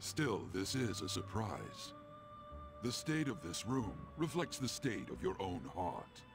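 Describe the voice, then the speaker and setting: An actor playing a sinister old master of a dream realm in a video game, with a possessed, demonic, gravelly voice and slow, formal, ominous speech. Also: male voice, lowish voice, big pitch swings, exaggerated voice. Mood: grave warning. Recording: music under the voice.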